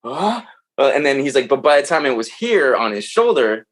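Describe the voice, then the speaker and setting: A man talking as a podcast guest, telling stories in a loose, animated way and swearing freely. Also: mid-range voice, fairly quick. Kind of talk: casual chat.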